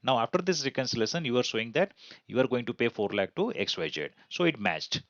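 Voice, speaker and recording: Speaking fast with big pitch swings, an Indian-accented man delivers an explanatory accounting lesson over slides, quizzing himself and responding in a teacherly manner. His mid-range voice has a fairly bright tone, and the dry recording comes across muffled.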